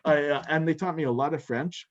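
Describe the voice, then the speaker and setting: A middle-aged American rabbi, a guest speaker, chats through a relaxed lecture Q&A over a video call, chuckling often between thoughts. His voice is on the high side and fairly quick, with the highs cut off.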